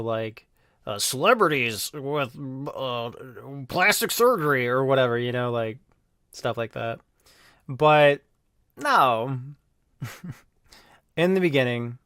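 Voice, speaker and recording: A man talking casually on his video channel, rambling with lots of fillers and jumping into loud mocking voices when he quotes people. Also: mid-range voice, vocal fry, clear, resonant tone, no room sound, studio quality. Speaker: YouTuber. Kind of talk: casual monologue.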